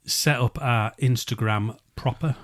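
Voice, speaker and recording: A man's voice: mid-range voice, a little slow, fairly bright tone, no room sound, clean studio sound. A man co-hosting a podcast, chatting casually and jokingly in a matey, sweary way. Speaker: podcast co-host.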